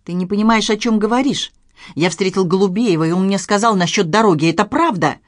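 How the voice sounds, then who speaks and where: An audiobook narrator voicing an angry, frightened grown son who shouts bitterly and pleads, in a dry recording. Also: medium pitch, a little fast, dry recording, lightly acted. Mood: furious. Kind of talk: dramatized audiobook reading.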